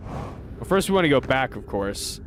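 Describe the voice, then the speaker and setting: A man's voice: medium pitch, very animated, normal speed, a little hiss or hum. A man streaming a game, chatting casually, swearing and ranting in mock outrage at his chat, then muttering to himself as he plays. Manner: rambling, muttering to himself while playing. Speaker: livestreamer. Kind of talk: casual gaming livestream chat.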